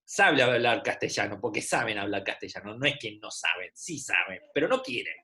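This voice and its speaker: A man's voice: on the low side, lively intonation, fairly quick, noisy background. Chatty Argentine man teaching online. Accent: Rioplatense Spanish. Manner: chatty, rhetorical questions, checks in with "¿tá?". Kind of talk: online class lecture. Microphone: video call.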